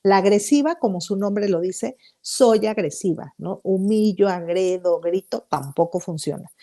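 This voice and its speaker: Mexican woman, podcast psychologist guest, warm mellow tone, upbeat and emphatic. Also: medium pitch, a little slow. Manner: upbeat, emphatic, explains point by point. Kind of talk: podcast interview.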